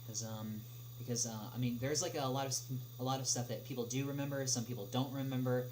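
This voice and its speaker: A young adult man runs a casual livestream, reading out questions and answering them on the spot. His medium-pitched, slightly mellow voice holds a steady tone but stops and starts hesitantly, with long filled pauses, over a clearly noisy hum.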